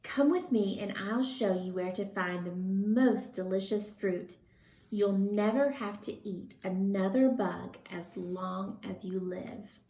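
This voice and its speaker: A woman's voice: mid-range voice, slow, warm tone, roomy sound, a little hiss or hum, poor audio. A woman voicing a tender, emphatic mother bat in a storybook read-aloud. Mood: reassuring.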